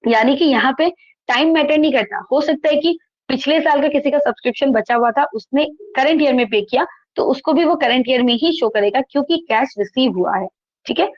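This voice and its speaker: A woman's voice: sits high, brisk, no echo, lo-fi sound. A woman teaching accountancy in an online class, reading from the textbook and explaining each point, asking and answering her own questions. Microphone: laptop microphone.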